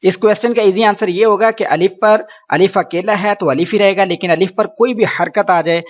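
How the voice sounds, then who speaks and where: A man from Pakistan teaching Quran reading in an online lesson, explaining patiently with English words mixed in and drawing syllables out slowly for students to repeat. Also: high voice, highs cut off. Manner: slow drawn-out syllables for repetition.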